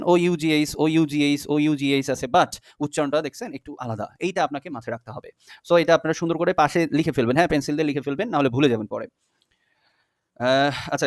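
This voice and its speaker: A man's voice: on the high side, no echo. Patient male English tutor, close and dry. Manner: patient, repeats words slowly, checks in with "okay?". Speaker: English teacher. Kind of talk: classroom lesson explaining a poem.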